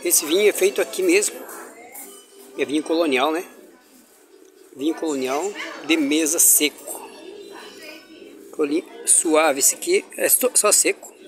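With soft music in the background, a travel vlogger speaks in a fairly high voice, unhurried and pausing often. He's walking around an indoor farmers' market in a casual, chatty vlog, cheerfully talking to the camera, vendors, and children, with the occasional religious exclamation.

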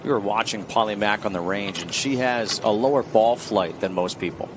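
A man's voice: lowish voice, normal speed. A man giving live golf commentary, announcing the play in short, clipped phrases. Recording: outdoor course ambience noise behind voice.

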